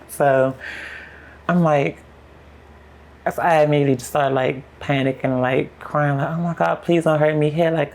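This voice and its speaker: Gravelly young woman telling her story frankly. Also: sits low, darkish tone. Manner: frank, run-on retelling with acted-out quotes. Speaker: podcast guest. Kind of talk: candid personal storytelling.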